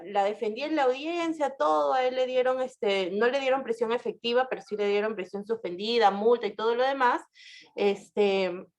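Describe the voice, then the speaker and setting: A woman lawyer giving a casual talk full of anecdotes. She often ends her sentences with a tag question and shifts her voice when she quotes people. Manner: storytelling with frequent tag questions; animated, shifts pitch for quoted speech.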